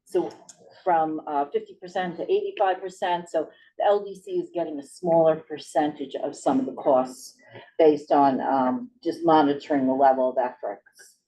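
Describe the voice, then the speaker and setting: Low-voiced woman giving a finance report. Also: normal speed, dark tone. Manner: reads figures steadily with ums. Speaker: finance officer presenting report. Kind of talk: board meeting report. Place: meeting room. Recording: distant muffled mic with faint hiss.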